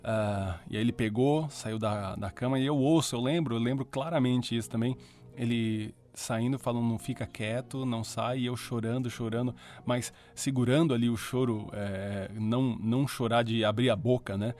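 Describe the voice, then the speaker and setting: A man's voice: medium pitch, steady tone, moderate pace, darkish tone. A man with a Brazilian Portuguese accent, a podcast host giving a personal religious testimony in an earnest, reflective storytelling manner.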